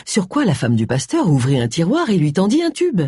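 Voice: medium pitch, huge pitch swings, brisk, mellow, slightly rough, no echo, studio quality. A reader narrating a story expressively, giving each character a voice. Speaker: audiobook reader. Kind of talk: scripted narration.

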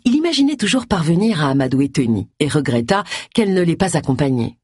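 Husky woman reading an audiobook. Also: low-pitched, very animated, fast, darkish tone, no room sound, studio quality. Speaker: audiobook narrator. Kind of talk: scripted audiobook narration.

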